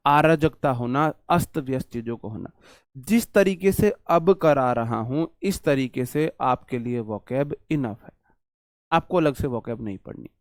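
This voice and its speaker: A man's voice: on the high side, dry recording, clean studio sound. A young man teaching English vocabulary in a casual classroom lecture, joking and repeating lines for emphasis.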